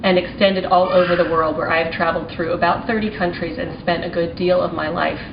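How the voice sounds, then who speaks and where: A forty-year-old American woman from Maryland, partly raised in Taiwan and China, delivers a prepared advocacy testimony as a small business owner, earnest, deliberate and formal. Her voice is fairly low, steady and creaky, recorded in a roomy space on a distant mic with a dull sound and faint noise.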